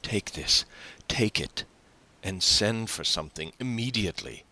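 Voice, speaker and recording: A man's voice: deep voice, measured pace, pushed and bright. A man reading as an eager young sailor. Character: eager young male sailor returning home.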